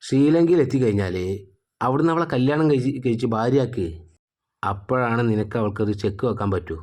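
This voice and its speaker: A man's voice: mid-range voice, brisk, a little mellow, natural voice. A man reading as a crafty accomplice. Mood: conspiring. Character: crafty adult male accomplice arranging an escape.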